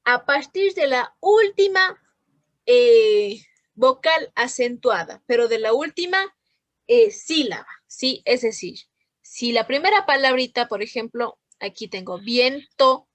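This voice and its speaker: A woman's voice: on the high side, animated, a little slow, dry recording. A woman teaching a literature class over a video call, patient and asking questions often. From Ecuador. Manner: patient, checks in with frequent questions. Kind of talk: online class lesson.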